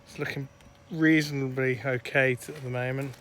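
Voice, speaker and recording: A man chatting casually as he films a travel vlog outdoors, relaxed and quick to laugh. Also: medium pitch. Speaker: travel vlogger. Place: outdoors at sightseeing spots. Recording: loud outdoor wind and traffic noise.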